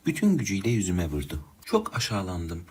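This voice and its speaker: A man narrating a sorrowful first-person story. His voice is deep and husky. He reads slowly and unevenly, and his pitch moves in wide swings. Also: wildly swooping pitch.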